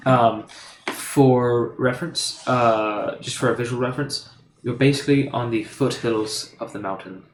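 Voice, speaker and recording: A man's voice: medium pitch, steady tone, a little slow, hardly any pauses. A man narrating a tabletop game as game master, with rambling descriptions full of fillers and restarts. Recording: roomy live stream with background noise.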